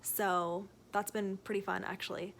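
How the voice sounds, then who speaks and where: Speaking unhurriedly at a medium pitch, with little pitch movement, vocal fry and a slightly bright tone, a young Canadian woman with a Canadian accent records her book vlog from a rocking chair at home. She chats casually about reading in a rambling way, using many fillers and correcting herself.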